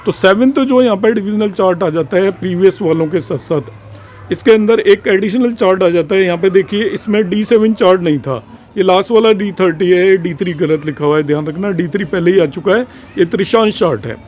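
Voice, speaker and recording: High-voiced man teaching astrology. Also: brisk, darkish tone, slight background noise. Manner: explanatory, mixes English terms, repeats points. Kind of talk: lecture on slides.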